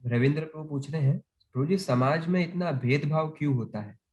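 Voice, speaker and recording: A man's voice: a little high, a little fast, a little mellow, highs cut off. A man moderating a video-call session, plainly reading out questions sent in by listeners. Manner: reads questions aloud plainly.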